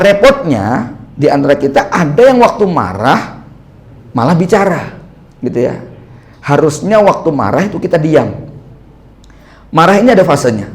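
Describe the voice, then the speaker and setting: Guy giving a religious talk, gravelly voice, keeps asking the crowd questions, mid-pitched. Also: darkish tone. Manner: chatty, poses rhetorical questions to the audience; acts out little quoted dialogues. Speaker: Islamic preacher. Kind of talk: conversational religious lecture.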